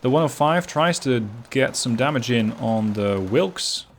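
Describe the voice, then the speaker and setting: A man commentating his own strategy game replay, relaxed and analytical, pointing out his own mistakes as he goes. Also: mid-range voice, measured pace, slight background noise. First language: not Finnish. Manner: relaxed, analytical, self-critical. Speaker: gameplay commentator.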